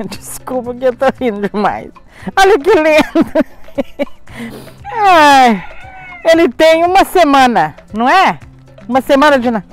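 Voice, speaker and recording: Chatty Brazilian woman on a farm. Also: high-pitched. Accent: Brazilian Portuguese. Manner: chatty, exclaiming and laughing often. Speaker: farm vlogger. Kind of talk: casual vlog narration. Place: outdoors on a farm. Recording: music playing under the voice.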